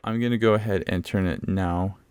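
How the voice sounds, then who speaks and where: A microphone reviewer speaks casually and explains as he demos a product, his low voice fairly even in intonation, a bit fast, slightly mellow and smooth. He's in an open room of his dome house, fairly close to a condenser mic running into a mixer, and the sound is dry and studio quality.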